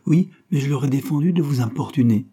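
A dignified young countess and mother, pleading and proud, as a man reads her part. Her voice is lifted above a deep, dark reading voice and stays husky. She sounds strained as she holds back tears. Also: quick pace, lightly acted.

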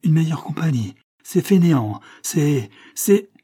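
A man's voice: mid-range voice, normal speed, husky, lightly acted. A man reading aloud and voicing an old husband who stammers and pleads in desperation. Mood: angry. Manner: stammering, pleading, rising to loud outbursts.

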